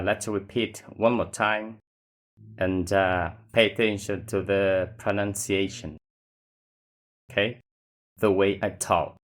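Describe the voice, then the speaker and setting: Slow deep-voiced man teaching words. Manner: slow, deliberate word-by-word pronunciation. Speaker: English teacher. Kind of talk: vocabulary drill lesson.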